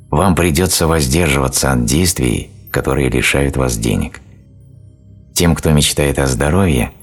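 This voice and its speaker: A man narrating a self-help audiobook in a steady, explanatory reading style. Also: extremely low pitch. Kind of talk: scripted narration.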